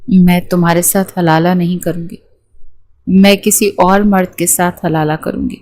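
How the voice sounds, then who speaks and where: A woman's voice: fairly low pitch, fairly even intonation, a little mellow, close to an everyday voice. A woman reading as a shocked, defiant young bride. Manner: panicked, protesting.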